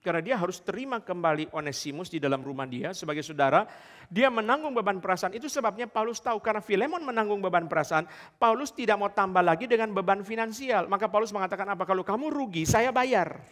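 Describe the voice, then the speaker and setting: A man's voice: high voice, expressive, quick pace, fairly bright tone. A male pastor preaching a sermon, emphatic and repeatedly addressing the congregation. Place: large church hall. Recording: long church hall reverb.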